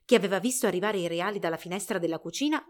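A woman reading a fairy tale aloud in an expressive storybook narration. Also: fairly low pitch, rapid-fire.

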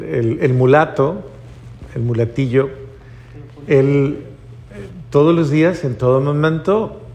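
A man's voice: mid-range voice, creaky, darkish tone, slight background noise. A male preacher giving a sermon in a hall, telling stories animatedly and addressing his audience directly.

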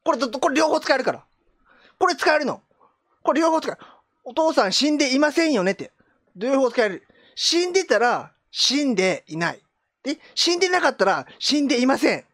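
A woman's voice: high voice, very animated, brisk, fairly bright tone, no room sound, clean studio sound. A woman streamer chatting casually with viewers, joking and teasing herself. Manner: joking, self-mocking, reacting to chat. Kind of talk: casual live chat.

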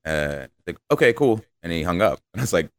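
A man's voice: very deep voice, quick pace, creaky, clean tone, no room sound. A man, a podcast guest, telling stories in a casual interview and acting out the voices of the people he quotes. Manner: animated, acts out quoted voices.

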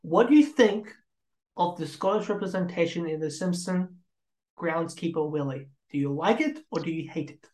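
A man hosting a casual chat show, speaking softly and hesitantly, often trailing off. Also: a little high, moderate pace. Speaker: host. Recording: echoey room.

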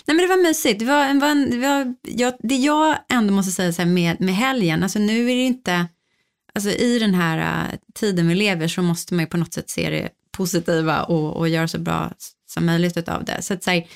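Woman, podcast host, lower-pitched, chatty and rambling. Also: gravelly, clean tone. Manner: chatty, many fillers and restarts. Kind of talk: casual chat.

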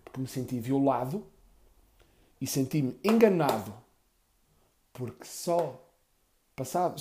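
A man doing stand-up storytelling, crude and rambling with deadpan asides. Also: a little high. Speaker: comedian.

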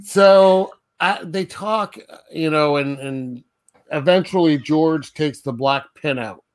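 A man's voice: fairly high pitch, slow pace. Laughing man recapping an old movie. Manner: laughs often, recounts plot with voiced quotes. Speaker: podcast co-host. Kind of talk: casual movie recap chat.

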